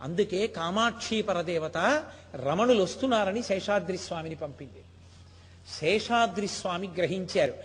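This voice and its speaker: A man gives a devotional discourse in a high-pitched voice. He tells his stories with emphasis and keeps asking rhetorical questions. Long reverb trails after his words. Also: normal speed, breathy edge. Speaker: spiritual discourse speaker.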